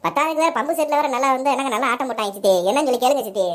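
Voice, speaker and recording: A cheeky cartoon boy, played by a woman, rattles off complaints and tells on the other kids. His high voice races along at top speed. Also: lightly acted. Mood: bossy. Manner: rapid, bossy chatter. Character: young boy, bossy tattletale cousin.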